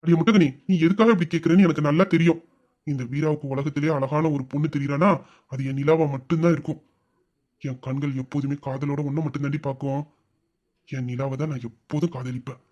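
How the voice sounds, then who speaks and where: A man's voice: on the high side, fast talker, dull audio, lightly acted. A man playing a loving, reassuring husband. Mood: tender, soft. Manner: earnest, reassuring, teasing, soft-spoken. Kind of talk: romantic audio drama acting.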